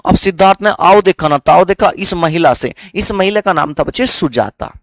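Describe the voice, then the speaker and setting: A man's voice: high voice, moderate pace, dry recording. A young man with a Haryanvi accent teaching history as a story, often repeating questions back to his students.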